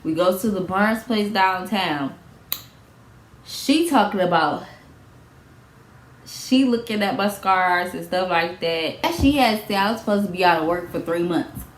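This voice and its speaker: A young woman, telling a casual storytime vlog with lively, animated delivery and frequent laughs. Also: lowish voice, a little slow. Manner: animated storytelling, acts out quotes, laughs often. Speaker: vlogger. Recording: echoey room, faint background noise.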